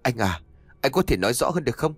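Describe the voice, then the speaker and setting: A man voicing a cruel, vengeful young man in a ghost story, snarling insults in fast, harsh bursts. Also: mid-range voice, sing-song, dry recording. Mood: intent.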